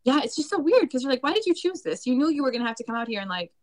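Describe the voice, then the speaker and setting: A woman choir teacher in casual chat, telling quick stories and acting out what others say. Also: high voice, expressive, darkish tone. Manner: quick storytelling, acts out quotes, laughs often. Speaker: choir teacher, podcast co-host.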